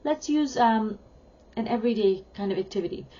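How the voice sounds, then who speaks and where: A woman's voice: on the high side, expressive, fairly quick, dark tone, highs cut off. A woman who is a parenting educator, talking in a chatty, upbeat way and stressing key words as she teaches. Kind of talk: talking-head teaching video.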